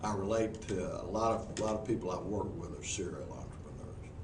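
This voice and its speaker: A deep-voiced Southern US man, expressive and fairly quick, responds to interview questions in front of a group in a meeting room. As a professional speaker, he's folksy and earnest, frequently starting his sentences over. The recording suffers from echo, noise, and a distant mic.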